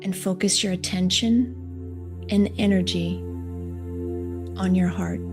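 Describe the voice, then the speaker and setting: A woman reading a guided meditation softly and soothingly, in short unhurried phrases with long pauses. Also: lowish voice, steady tone. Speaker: live stream meditation host. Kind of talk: slow guided meditation, read from a script. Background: New-age music.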